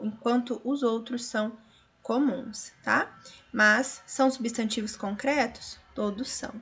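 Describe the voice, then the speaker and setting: A woman teacher from Brazil talks through a revision lesson with a slightly high voice. She explains patiently, point by point. She keeps stopping to check that her students are following. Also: fairly bright tone. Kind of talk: recorded online revision lesson.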